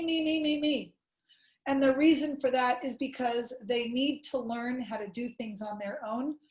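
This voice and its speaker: A woman presenting an online workshop on child development, explaining step by step and sometimes acting out playful demonstrations over a video call. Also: a little high. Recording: roomy echo.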